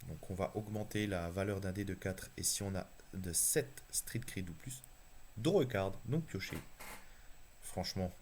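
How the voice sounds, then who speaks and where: A man's voice: deep voice, unhurried, a little mellow, slight background noise. A man talking casually and enthusiastically through a card game analysis, thinking aloud with plenty of hesitations.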